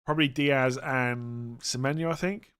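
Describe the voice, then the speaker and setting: West country english guy chatting on a stream, mid pitched voice, informal and matter of fact, answering questions. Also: unhurried, a bit bright, clean tone. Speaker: fantasy football livestream host. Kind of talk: casual livestream chat answering viewer questions.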